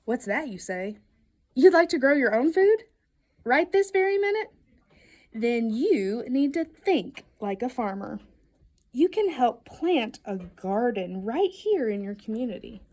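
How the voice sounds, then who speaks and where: Reading a picture book aloud for children, an animated, high-voiced woman takes an unhurried pace. Her storytelling is expressive and emphatic, sprinkled with playful questions.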